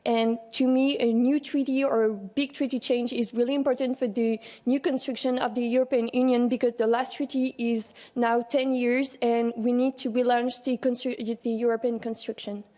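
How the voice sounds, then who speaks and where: A woman's voice: fairly high pitch, flat delivery, normal speed, hardly any pauses, warm tone. A young woman student asking a question at a seminar, hesitant with many fillers, English not her first language. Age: young adult. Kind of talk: audience question.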